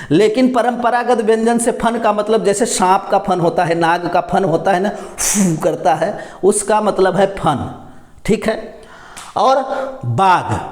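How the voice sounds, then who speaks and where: A man teaching Hindi grammar, explaining each word slowly and answering his own questions as he goes. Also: high-pitched, roomy sound. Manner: repeats words, asks and answers own questions. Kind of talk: classroom explanation.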